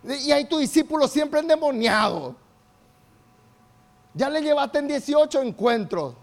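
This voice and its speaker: Male pastor, very high-pitched, emphatic sermon, call-and-response. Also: expressive, unhurried. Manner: acts out quotes of biblical figures in shifting voices.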